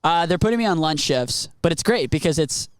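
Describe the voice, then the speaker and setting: A man's voice: on the high side, lively intonation, brisk, smooth, dry recording, studio quality. A man co-hosting a comedy podcast, rowdy and teasing, saying "dude" a lot in casual banter. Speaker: podcast co-host.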